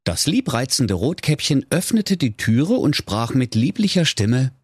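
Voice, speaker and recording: A man with a Saxon accent narrates a comic fairy tale slowly and with very lively swings in pitch. His voice is lowish and husky. The studio sound is close and dry. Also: no echo. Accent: Saxon German. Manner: slow, playful storytelling. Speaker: storyteller.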